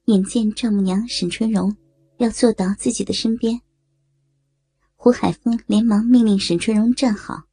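A woman narrating a story at an unhurried pace. Her voice is mellow and slightly breathy, and it sounds dry and close. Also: mid-range voice, fairly even intonation, no echo.

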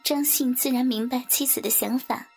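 A woman narrating a martial-arts novel in a steady storytelling manner. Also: a little high, moderate pace, vocal fry. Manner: steady storytelling, acts out characters. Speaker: audiobook narrator. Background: faint background music.

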